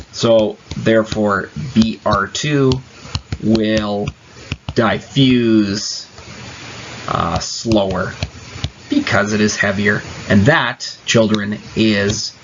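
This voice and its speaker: A fairly low-pitched man explains chemistry to a class, taking each step patiently and casually, with small fillers here and there. There's background noise on the dull lo-fi recording.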